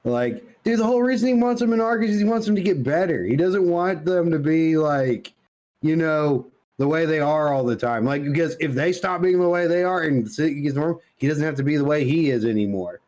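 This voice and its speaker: A podcast co-host talks casually about comics, movies and games, with lots of slang and the odd swear word. His voice sits a little high and sounds a touch mellow, and he speaks in an animated way at a fairly quick clip.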